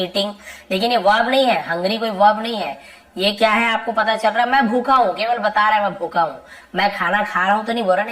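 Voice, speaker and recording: Woman teaching english, reads lines slow then goes word by word, mid pitch. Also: a bit bright, poor audio. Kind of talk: spoken English lesson in Hindi.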